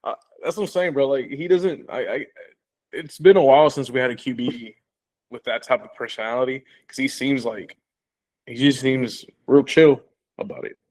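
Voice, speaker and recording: A man's voice: medium pitch, moderate pace, a little mellow. A man chats casually about college football as a podcast co-host. He stumbles through restarts and repeated words and often breaks into laughter. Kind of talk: casual sports chat.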